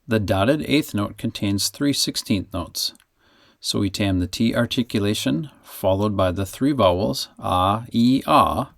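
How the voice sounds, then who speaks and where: A man's voice: on the low side, gravelly, no room sound, studio quality. A man teaching music in a methodical instructional voice, chanting rhythm counting syllables as he explains. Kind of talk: instructional narration.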